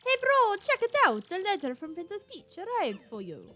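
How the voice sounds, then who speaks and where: A goofy younger brother who squeaks out his news loud and eager, as a woman puts him on. His voice jumps high and bright with excitement. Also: moderate pace, faint music behind, heavily acted. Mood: excited.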